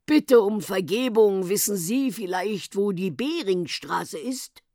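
A woman doing a slow, polite storybook whale. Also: medium pitch, animated, mellow, no room sound, studio quality, pitched above the performer's own voice. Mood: courteous. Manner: slow and courteous. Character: polite, slow-speaking big light-blue whale.

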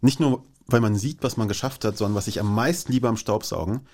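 A man's voice: on the low side, brisk, a little mellow. A man from Afghanistan talking as a radio guest, enthusiastic and thoughtful in turn. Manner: enthusiastic, then thoughtful and reflective. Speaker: studio guest. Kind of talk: casual radio conversation.

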